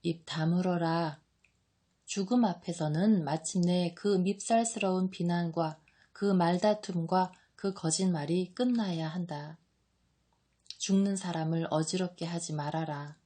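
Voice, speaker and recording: A solemn male teacher speaking low and quietly, grave and measured, in a warm, mellow voice, as a woman reads him aloud in an audiobook. He never hurries. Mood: stern. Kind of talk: audiobook reading.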